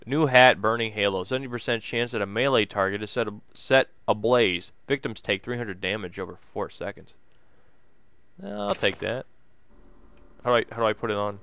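A man's voice: on the low side, brisk, few pauses, a bit bright, smooth. A young man casually commenting on a video game, reading menus aloud and cracking jokes. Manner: goofy, jokey, mutters menus aloud, bursts into silly voices. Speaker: gameplay commentator.

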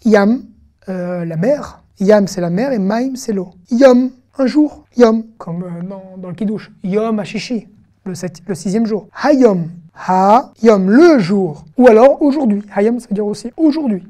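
A woman giving an online lesson, patient and repetitive, saying words slowly and checking in with her students often. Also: medium pitch, mellow. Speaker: Hebrew teacher.

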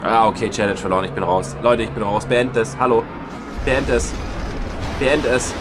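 A man casually commenting on scary videos, joking and excitable, jumping between loud outbursts and hushed nervous muttering. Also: medium pitch, moderate pace. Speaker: YouTuber reacting to scary videos. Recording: music playing underneath. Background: background music.

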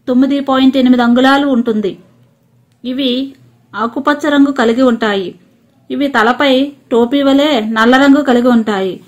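A woman with a high, light voice reads an informational voice-over. She speaks in short, plain sentences, stepping through one item after another at an even, steady rate. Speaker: narrator.

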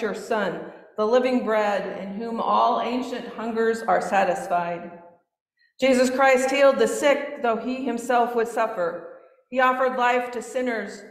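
Woman pastor in cathedral echo. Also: fairly high pitch. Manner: measured, solemn intoning. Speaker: pastor leading communion. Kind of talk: liturgical prayer. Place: large church sanctuary. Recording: echoey church from a distance.

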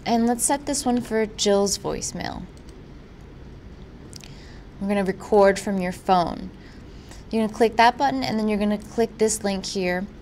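A woman presenting a software tutorial in an informal, instructional way. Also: mid-range voice, a little slow, pauses often, a little hiss or hum. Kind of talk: software walkthrough narration.

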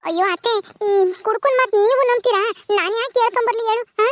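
A young village wife under accusation, played by a woman, pleading and protesting in a high, hurried voice. She insists again and again that she said nothing. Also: slight background noise.

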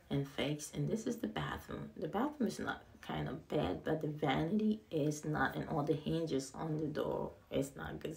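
A young adult woman casually narrating a tour of an empty house, excited and rambling, repeating words, filmed on a handheld phone indoors. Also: low voice, gravelly. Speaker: vlogger giving a house tour. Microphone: handheld phone camera, filming.

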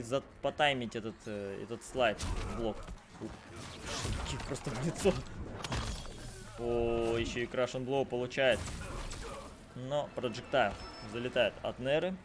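A man's voice: medium pitch, background noise. A man doing live fighting game commentary, slangy and exclamatory, repeating phrases for emphasis. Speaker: esports commentator. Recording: loud game music behind. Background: fighting game music and sound.

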